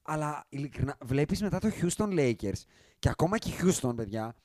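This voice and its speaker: Guy on a sports pod, kinda high voice, super animated, dry close mic. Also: no echo. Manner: animated, emphatic, quick swings in loudness. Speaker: podcast host. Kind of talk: casual sports chat.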